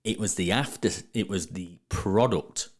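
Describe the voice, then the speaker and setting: A man's voice: low-pitched, a little slow. A man with a Sheffield accent talking casually in an interview, informal and emphatic, with northern English phrasing. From Sheffield, England. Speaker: podcast guest, trade business marketing speaker.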